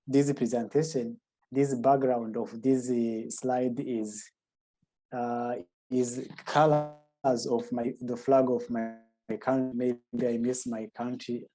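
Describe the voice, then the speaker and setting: A young man speaks with a Burundian accent in a very dark, mellow voice at a middling pitch. He presents informally as a guest speaker, feeling his way through non-native English phrasing in a halting manner. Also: little pitch movement, low-quality recording.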